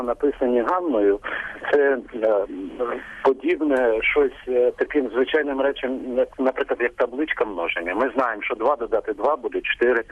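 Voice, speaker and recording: Conductor guy calling in, husky voice, dry tinny phone sound. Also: mid-range voice, dry recording. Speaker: choir conductor, phone guest. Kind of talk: interview by phone.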